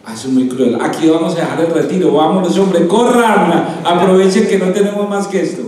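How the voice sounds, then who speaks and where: A man giving a playful, animated sermon to a youth congress in a large hall. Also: a little high, fast. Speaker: speaker. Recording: echoey hall from far off.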